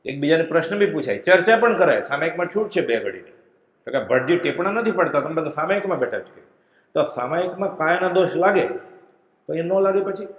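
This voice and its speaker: A man's voice: on the high side, lively intonation, quick pace. A middle-aged man gives a conversational religious discourse, explaining with everyday anecdotes. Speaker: spiritual discourse reader. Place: prayer hall. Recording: echoey hall.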